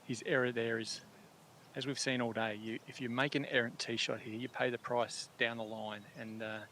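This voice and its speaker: A man's voice: mid-range voice, level tone, normal speed, sharp tone, a little hiss or hum. A man giving live, conversational golf commentary in blunt, colourful turns of phrase.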